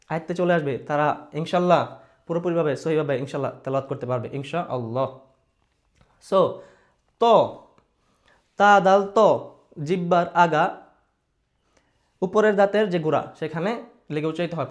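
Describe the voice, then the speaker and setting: A man teaches Arabic pronunciation in a slightly high voice. He drills syllables over and over, drawing them out, and keeps checking with rhetorical questions. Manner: drills syllables slowly, asks rhetorical questions, repeats for students. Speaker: Quran recitation teacher. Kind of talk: online pronunciation lesson.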